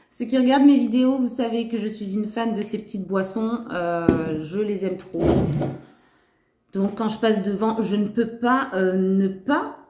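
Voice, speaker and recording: A woman's voice: medium pitch, unhurried, mellow. A woman chatting in a casual shopping-haul vlog, gushing with enthusiasm and talking straight to her viewers. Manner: gushing, enthusiastic, repeats "trop" and "magnifique". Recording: echoey room.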